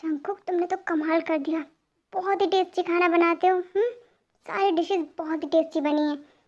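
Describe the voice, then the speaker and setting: A woman's voice: extremely high pitch, fairly even intonation, moderate pace, soft background music. A woman voicing a stern, strict father in an amateur fan dub, firm and commanding. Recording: dull lo-fi home recording.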